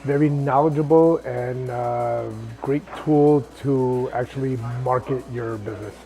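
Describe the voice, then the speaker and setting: Queens guy, mellow voice, short hesitant answers. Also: mid-range voice, unhurried, soft background music. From Queens, New York. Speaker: seminar student. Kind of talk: testimonial interview.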